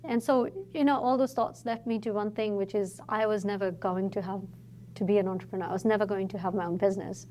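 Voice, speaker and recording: Podcast guest from Fiji: middle-aged woman, mid-pitched, thoughtful storyteller, faint hum behind. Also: steady tone, darkish tone. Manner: reflective, storytelling, thoughtful pauses. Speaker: entrepreneur guest. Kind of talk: casual podcast interview.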